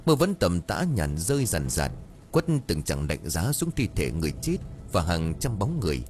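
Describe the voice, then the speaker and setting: A man's voice: low voice, very animated, normal speed, a little mellow, a little hiss or hum. A man narrating a dramatic audiobook story.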